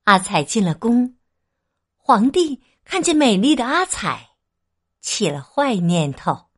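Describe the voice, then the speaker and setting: A woman narrating a children's folk tale in a gentle, expressive storytelling manner. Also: a little high, takes it slowly, husky.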